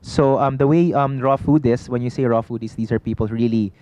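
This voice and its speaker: A man's voice: medium pitch, steady tone, brisk, dark tone, no room sound. A man, a shop owner and studio guest, patiently explaining health foods in casual chat, often saying "you know" and restarting his sentences.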